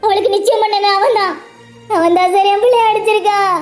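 Grief-stricken cartoon mother, a woman doing her, sobbing, shrill. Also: fairly even intonation, a little fast, faint music behind. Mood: tearful. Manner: wailing lament. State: crying. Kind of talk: Tamil cartoon voice acting.

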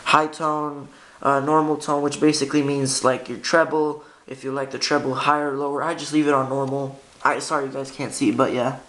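Filmed indoors by a window on a handheld camera's built-in microphone, a man shows off his radio in an informal, unscripted walkthrough. He talks fairly quickly in a level, mid-range voice that's a bit bright, hesitating and correcting himself often. The amateur camera audio is noisy and full of clicks.

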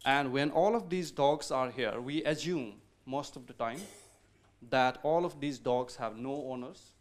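A man's voice: medium pitch, a little slow. A middle-aged man from Nepal presenting at a podium in a conference hall, speaking politely with frequent ums and restarts. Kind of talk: conference talk with slides.

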